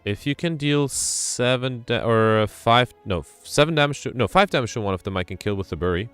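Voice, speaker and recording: A man's voice: mid-range voice, expressive, brisk, fairly bright tone, smooth, soft background music. A man chatting casually while playing a co-op game, thinking aloud with frequent hesitations and ums. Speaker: streamer playing co-op. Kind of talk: casual gameplay chat.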